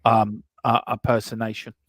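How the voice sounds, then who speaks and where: A man's voice: on the low side, monotone, moderate pace, a bit bright, no echo. A man hosting a live watchalong stream, chatting casually and rambling with lots of fillers. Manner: rambling, full of fillers and restarts. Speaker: stream co-host.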